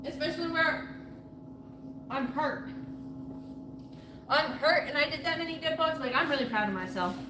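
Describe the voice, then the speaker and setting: A woman in her late twenties chats casually on a live workout stream inside a gym, often repeating herself. Her voice is high-pitched, with a moderate pace and long pauses. Noisy gym ambience fills the recording, and her distance from the mic keeps changing.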